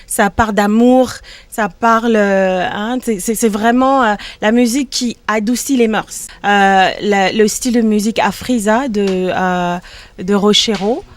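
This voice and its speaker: A woman's voice: mid-range voice, unhurried. Hesitant young woman, a singer. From Democratic Republic of the Congo. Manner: hesitant, many fillers and restarts. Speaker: singer, interview guest. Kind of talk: casual interview talk.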